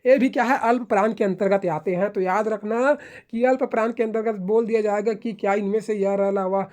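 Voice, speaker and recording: A woman's voice: mid-range voice, fairly even intonation, fairly quick, mellow. A woman teaching a grammar lesson, sounding out syllables one by one and often asking herself rhetorical questions before she answers them. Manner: ends points with a checking "okay". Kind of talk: spoken classroom lecture.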